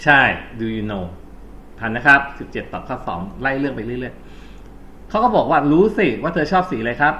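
A Thai-accented man explains English grammar in a loose, chatty classroom way, often catching and correcting himself. His voice is bright and pushed forward. The recording is a little dull, with faint noise behind it. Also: medium pitch, lively intonation, normal speed. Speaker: English teacher. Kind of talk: recorded exam-prep lesson.

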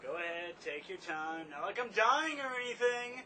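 With a high-pitched, animated, sharp voice at a normal pace, this host delivers sarcastic jokes over an old film in his basement. The home recording captures his riffing commentary along with the movie noise in the background.

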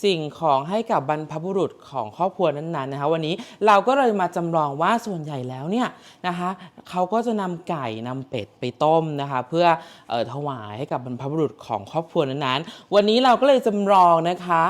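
A woman's voice: low-pitched, animated, a little fast, hardly any pauses. A woman from Thailand hosting a casual cooking vlog in her kitchen, chatty and teasing with sassy asides to viewers. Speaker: cooking show host. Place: home kitchen abroad.

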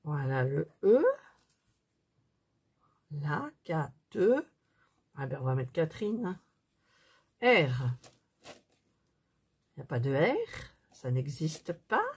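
A woman's voice: low voice, sing-song, slow pace, long pauses, a little mellow, breathy edge. A woman chatting casually through a craft tutorial, thinking aloud as she works. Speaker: craft vlogger.

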